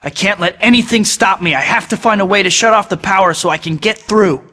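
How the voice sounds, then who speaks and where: A wisecracking young superhero in a video game, quick with sarcastic jabs yet earnest underneath. His voice sits a little high with a bright, keyed-up edge. Each clip trails off into a long reverb. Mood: wry. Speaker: game character. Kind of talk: game voice clips.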